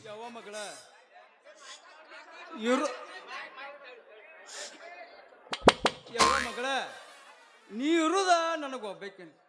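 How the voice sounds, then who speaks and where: Very high-voiced man, acting as a doting old father, pleading, repeats endearments, loud music behind. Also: very animated, slow, over a noisy crowd, heavily acted. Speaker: stage actor. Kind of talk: live village stage comedy. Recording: live stage with loud music.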